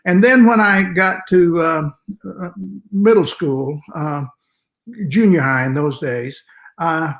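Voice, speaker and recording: An older man with a West Texas accent and twang, reminiscing conversationally in a folksy, halting way as an interview guest. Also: fairly high pitch, a bit bright, poor audio. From West Texas, United States. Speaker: interview guest, music educator.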